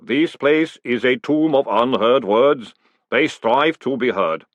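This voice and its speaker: A man voicing a huge male clay golem who speaks slowly, calmly and ponderously. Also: dry recording, highs cut off, natural voice. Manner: slow, booming, calm.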